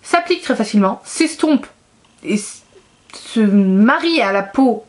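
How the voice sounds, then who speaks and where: Young woman gushing over makeup, lots of euhs, kinda high voice. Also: expressive, a little slow. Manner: chatty and enthusiastic, many fillers. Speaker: beauty vlogger. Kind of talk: casual product review.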